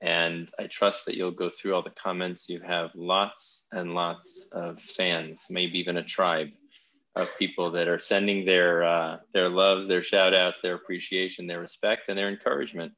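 Bright-voiced low-pitched male podcast host. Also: flat delivery, normal speed, lo-fi sound. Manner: enthusiastic, thoughtful, many restarts. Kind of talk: casual interview chat.

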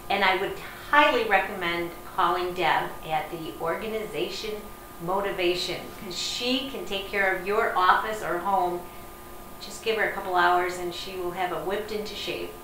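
A woman's voice: mid-range voice, pushed and bright. Middle-aged woman chatting in an echoey room. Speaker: client giving a testimonial. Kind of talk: casual on-camera testimonial. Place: small office indoors. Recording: echoey room, faint noise.

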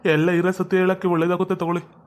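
A fussy middle-aged village father, played by a man. His voice is high and stays flat as he coaxes the others along. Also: racing, lightly acted. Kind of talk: comedy sketch acting.

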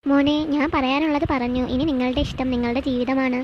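A gentle, patient mother-in-law from a poor home in a cartoon skit, voiced by a woman. She speaks softly and indulgently in a high voice at a quick pace. The sound is dull and lo-fi with a faint hiss. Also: flat delivery, lightly acted. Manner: soft, soothing and indulgent.

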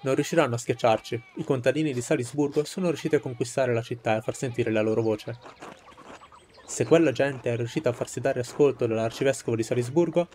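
A man's voice: medium pitch, fast talker, a little mellow, a little hiss or hum, close to an everyday voice. A man voicing a defiant villager in a game, earnestly urging peasants to revolt. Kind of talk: game dialogue read aloud.

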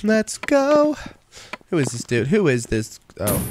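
A young man streaming a video game live, chatting casually, reading chat aloud and breaking into excited outbursts while he plays. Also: medium pitch, moderate pace, noisy background.

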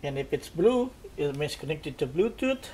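A man casually narrating a product test as a reviewer, haltingly thinking aloud. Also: on the high side, very animated, a little mellow. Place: indoors at a tabletop. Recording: faint background noise.

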